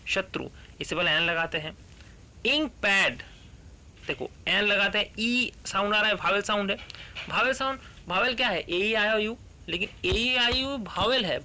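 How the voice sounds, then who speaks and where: This grammar lesson comes from a man with a high, pushed, bright voice who reads each English rule slowly and then explains it. He tends to ask the class questions and answer them on his own, and a little hiss or hum can be heard.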